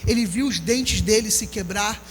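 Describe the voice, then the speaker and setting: A man with a very high voice preaches with passion in a church, his words trailing into a long hall reverb. Soft music plays faintly behind him. He rises and falls as he speaks, and he keeps asking his congregation questions. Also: normal speed. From Brazil. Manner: impassioned preaching, rising and falling, questions to the congregation. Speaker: pastor. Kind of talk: sermon.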